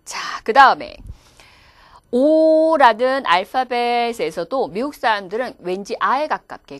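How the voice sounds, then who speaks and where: A woman's voice: mid-range voice, dry recording. A woman teaching English pronunciation in a video lecture, demonstrating words aloud as she explains.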